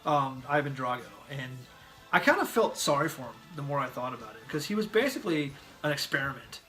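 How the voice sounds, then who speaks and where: A man co-hosting a casual movie review chat, rambling and animated, often breaking into loud acted-out yells. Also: on the high side, brisk, soft background music. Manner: rambling with restarts. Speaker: podcast co-host.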